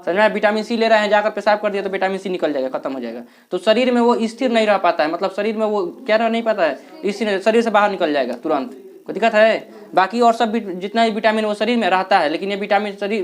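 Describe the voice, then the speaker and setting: A man's voice: high voice, quick pace. A male teacher giving a classroom lecture, asking questions and answering them himself, with regional dialect words in his Hindi.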